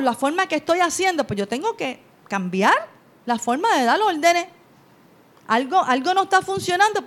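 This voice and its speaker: A high-pitched, middle-aged woman gives a talk on raising children. She speaks conversationally from her slides, often tagging her points with a questioning "¿verdad?". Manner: presents from slides. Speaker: parenting educator. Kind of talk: talk on parenting.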